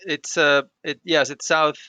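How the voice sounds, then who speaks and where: A man as a guest in an interview, answering in a halting way with frequent restarts. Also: fairly high pitch, little pitch movement, sharp tone, clear, resonant tone, no room sound. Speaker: guest expert. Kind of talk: casual interview chat.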